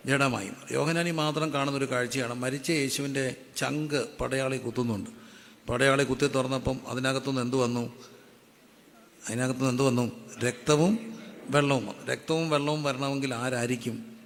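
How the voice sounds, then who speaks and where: A man's voice: medium pitch, fairly even intonation, normal speed, creaky, a bit bright. A man preaching a sermon as pastor, asking the congregation to repeat verses back to him. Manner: call-and-response preaching, asks the congregation to repeat verses aloud. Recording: echoey hall with faint ambient noise.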